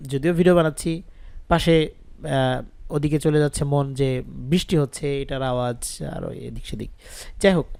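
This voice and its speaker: Male recitation teacher, slow and patient letter-by-letter spelling, clean close voice, higher pitched. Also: warm tone, clear, resonant tone, dry recording. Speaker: Quran teacher. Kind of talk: spelled-out Quran recitation lesson. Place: indoors, rain audible outside.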